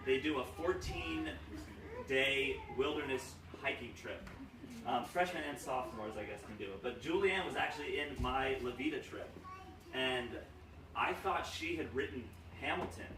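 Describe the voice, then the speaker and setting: A young man from Romania, medium-pitched and speaking at a moderate pace, rambles through a joking best-man toast full of fillers at a wedding reception. The audio comes from an echoey, noisy room with the mic set far off.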